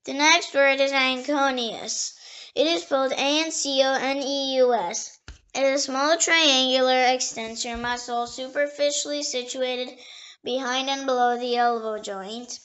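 A woman reading dictionary entries aloud slowly and carefully, spelling each word letter by letter and sometimes stumbling and restarting a word. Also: high voice, steady tone, fairly bright tone, dull audio. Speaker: dictionary reader.

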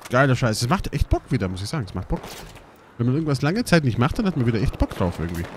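A young German man doing live gameplay commentary, excitable and swearing a lot, with bursts of shouting while mostly keeping his voice down. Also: mid-range voice, rapid-fire, slight background noise. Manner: holds his voice down at night. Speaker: let's play gamer.

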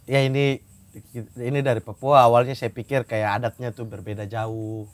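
A young man in casual podcast chat, telling a story in an animated way and laughing often. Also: mid-range voice, moderate pace, no room sound. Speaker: podcast guest telling his engagement story.

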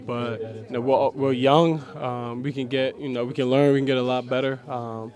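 A young man, a college basketball player, answering post-game questions haltingly with many fillers in a locker room. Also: medium pitch, fairly even intonation, a little mellow. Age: young adult. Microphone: handheld mic held by interviewer.

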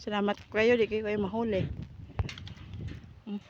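Joking farm vlogger, muffled phone sound, loud wind noise, mid-pitched voice, outdoors. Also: little pitch movement, moderate pace. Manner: playful, teasing, jokes and then takes it back, calls out to animals. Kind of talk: casual vlog narration while walking around. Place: outdoor farm with camels, goats and birds. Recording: windy, dull outdoor phone audio.

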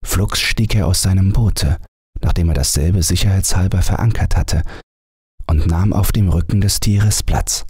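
A man reading a fairy tale aloud as a calm bedtime audiobook narrator. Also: deep voice, husky, no echo, clean studio sound. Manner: measured storytelling voice.

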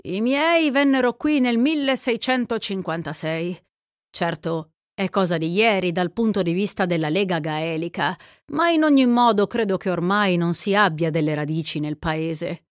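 A woman's voice: lowish voice, normal speed, no echo, clean studio sound, natural voice. A woman voicing a gallant young gambler. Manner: smooth, gallant, flattering.

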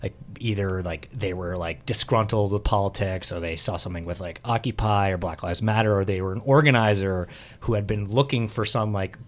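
Young male radio host, low voice. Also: fairly quick. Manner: casual, filler-heavy questions. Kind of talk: radio interview. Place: small radio studio. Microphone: studio mic with headphones.

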